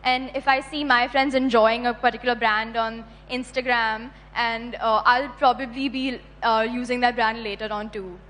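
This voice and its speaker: A young woman speaking quickly and casually on a panel, with lots of filler words. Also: a little high, steady tone, fairly bright tone. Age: teens or young adult. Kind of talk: panel discussion. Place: conference hall. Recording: reverberant conference hall.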